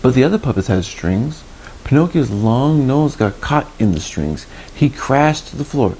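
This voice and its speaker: In a small indoor room, a man in his thirties hosts a children's story session, reading a picture book expressively and slipping in asides and questions for his young listeners. His mid-range voice swings widely in pitch at a normal speed, with a dark tone. The audio is poor, with noticeable background noise.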